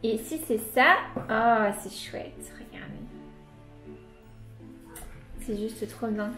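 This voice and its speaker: A fairly high-voiced woman chats eagerly as she unboxes gifts, full of little fillers and happy exclamations. Her voice rings in a roomy, echoey space. Soft music plays quietly behind her. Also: slow pace. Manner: chatty and enthusiastic, many fillers. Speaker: unboxing vlogger. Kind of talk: casual unboxing chat. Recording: echoey room with light music.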